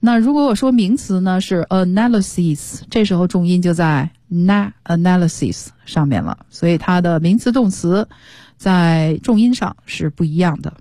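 A woman's voice: fairly low pitch, animated, moderate pace, warm tone, no echo, studio quality. A woman teaching English on the radio, explaining step by step in a patient way. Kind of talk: bilingual radio language lesson.

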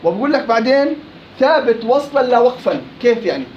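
A man with a Levantine accent teaches recitation in a classroom, firing questions at his students in a very high, quick voice. He teases them as he drills the rules. The recording is dull and lo-fi, with a faint hiss behind him. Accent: Levantine Arabic. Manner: questioning students, teasing and lively. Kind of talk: live classroom lesson.

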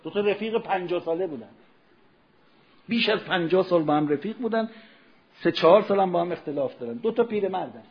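A man preaching a Ramadan sermon, telling stories with rising emotion and acting out quoted dialogue. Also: fairly high pitch. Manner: emotional storytelling, voices quoted dialogue, rises to near shouting. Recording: dull lo-fi recording.

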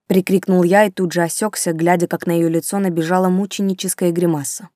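A woman reading a novel aloud as a measured first-person narrator. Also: lowish voice, fairly even intonation, dark tone, no echo, clean studio sound. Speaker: audiobook narrator.

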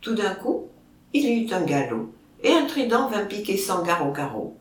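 A reader narrating a novel in a measured, expressive storytelling manner. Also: medium pitch. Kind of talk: audiobook narration. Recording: roomy, distant mic.

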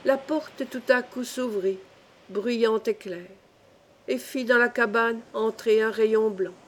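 A woman reading a poem aloud in a measured, solemn recitation. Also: fairly high pitch, fairly even intonation, slight background noise. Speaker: reader. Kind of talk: poetry reading.

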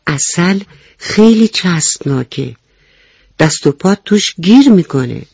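A woman voicing a wise, cautious winged ant in a children's radio story, giving calm, kindly warnings. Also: on the low side, creaky, breathy edge, dry recording, highs cut off, full character voice.

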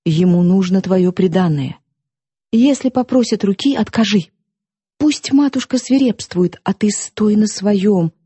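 A fierce, defiant young woman with a sharp, mocking edge, as a woman narrator puts her on. Her voice sits higher and pushes louder than the reader's own, dry and close. She bursts out in hot, scornful outbursts. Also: animated, measured pace, breathy edge, no room sound.

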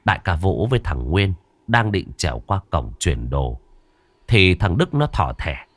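A male narrator tells a horror story in a low voice. His pitch rises and falls with animation. The recording is close and dry. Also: very animated, a little slow, a bit bright, no echo.

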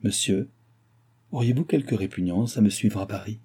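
A man's voice: fairly low pitch, normal speed, warm tone, slightly rough. A man voicing a gracious, charming young princess who gives courteous orders.

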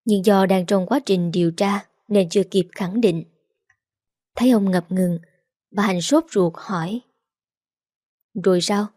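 Mellow-voiced woman narrating a story. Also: mid-range voice, fairly even intonation, unhurried, no echo, studio quality. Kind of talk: scripted narration of a romance story.

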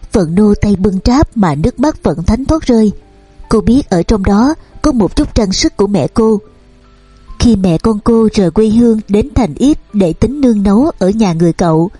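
Calm female audiobook narrator, husky, dry close recording. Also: medium pitch, no echo. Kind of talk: scripted narration.

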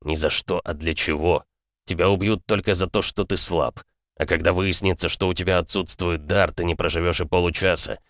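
A man voicing a calm older aristocrat father in an audiobook, measured and coldly matter-of-fact. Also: sits low, no echo. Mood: insistent. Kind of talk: audiobook character voice.

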